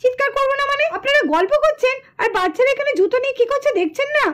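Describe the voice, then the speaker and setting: Woman doing a squeaky fast angry shopkeeper lady, puppet show, keeps accusing everyone. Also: expressive, a bit bright. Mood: indignant. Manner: shrill, accusing, complaining. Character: loud indignant woman shoe-shop keeper.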